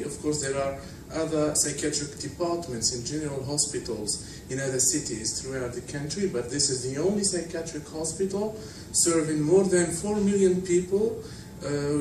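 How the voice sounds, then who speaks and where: A man from Tunisia giving an academic conference talk, measured and explanatory with frequent fillers. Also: on the high side. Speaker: conference speaker. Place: conference hall. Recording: distant, echoey hall with noise.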